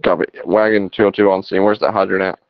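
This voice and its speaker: A firefighter speaking in terse procedural phrases over a two-way emergency radio, like ambulance radio traffic. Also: male voice, deep voice, flat delivery, quick pace, gravelly. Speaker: firefighter on roof crew. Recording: dull lo-fi radio transmission.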